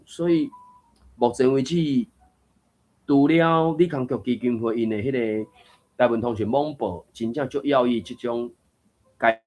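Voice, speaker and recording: A man's voice: medium pitch, darkish tone. A man with a Taiwanese accent hosting a book reading group, explaining pronunciation in a chatty, digressive way and thinking aloud. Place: online reading room.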